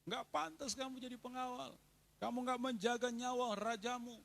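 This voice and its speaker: Brief: bold young warrior hero, taunting and high-voiced, as a preaching man acts him out. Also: fairly even intonation, normal speed, creaky, exaggerated voice. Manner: shouting taunts.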